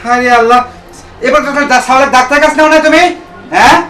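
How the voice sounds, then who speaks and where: A man's voice: extremely high pitch, quick pace, bright, forceful tone. A man plays a worried father and husband who questions and scolds reproachfully. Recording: echoey room, mic at a distance, music underneath.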